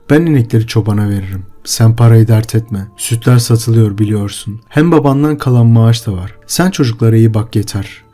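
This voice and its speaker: A man narrating a horror story in a steady, measured way. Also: mid-range voice. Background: faint music.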